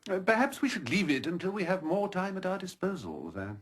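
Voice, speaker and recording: An actor playing a calm, deferential manservant who speaks in measured, formal phrases. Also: male voice, high voice, slightly rough, exaggerated voice. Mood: composed. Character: unflappable, deferential manservant, middle-aged man. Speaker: valet.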